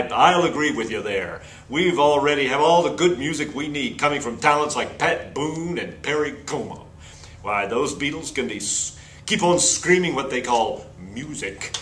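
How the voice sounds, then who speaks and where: A man's voice: mid-range voice, animated, moderate pace, fairly bright tone, natural voice. A man playing a pompous, square 1960s TV news anchor in an earnest, stumbling parody newscast. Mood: smug, stuffy. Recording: echoey room with faint noise.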